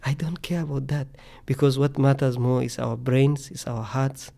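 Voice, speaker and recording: A man's voice: mid-range voice, flat delivery, normal speed, gravelly, warm tone. A middle-aged man from Tanzania, a scientist guest speaking earnestly in a podcast interview, often repeating words as he thinks.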